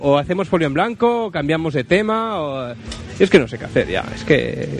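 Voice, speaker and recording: A man's voice: a little high, animated, brisk, noisy background. A man co-hosting a casual radio show from a studio, self-mocking and wry, laughing often.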